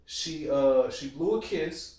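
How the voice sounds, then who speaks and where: The host's voice sits on the high side, slow and a little mellow, with lively intonation. He runs a loose, foul-mouthed group chat about a TV series, eagerly laying out his views and asking the others questions, picked up far from the mic in a room with echo.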